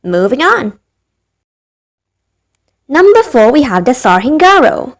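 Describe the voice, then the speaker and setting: A woman's voice: sits high, big pitch swings, slow. A woman narrating a ranking of game creatures, with wry, rambling asides in a voice she herself calls tired and dead. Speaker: gaming video narrator. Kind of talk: scripted game ranking commentary.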